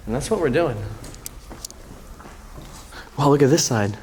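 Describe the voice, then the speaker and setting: A man's voice: medium pitch, lively intonation, measured pace, darkish tone. A young man chatting casually as an urban exploring vlogger, informal and exclamatory, recorded inside an abandoned tunnel. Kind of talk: casual exploring vlog chat. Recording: noisy on-location recording with ambience.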